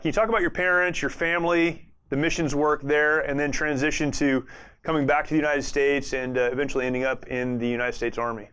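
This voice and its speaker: Smooth-voiced friendly male podcast host. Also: fairly high pitch, a bit bright. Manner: friendly, conversational, with fillers. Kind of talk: casual interview hosting.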